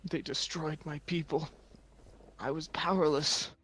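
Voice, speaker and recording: A man playing a grieving, guilt-ridden warrior in a tabletop game, speaking in halting, solemn phrases. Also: on the high side, steady tone, a bit bright. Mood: anguished. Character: grieving, guilt-ridden male warrior who lost his people. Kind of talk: tabletop role-play.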